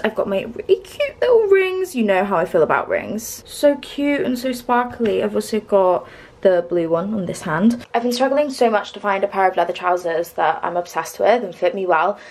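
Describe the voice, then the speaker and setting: A woman's voice: mid-range voice, very animated, moderate pace. A hungover woman in her early twenties chatting casually to camera in a scatty, playful, gushing way with lots of slang. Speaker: vlogger.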